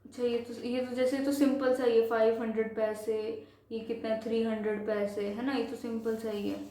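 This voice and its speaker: A woman teaching a basic math lesson, patient and repetitive, slowing down to spell out numbers one by one. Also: fairly high pitch, little pitch movement, warm tone. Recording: echoey room.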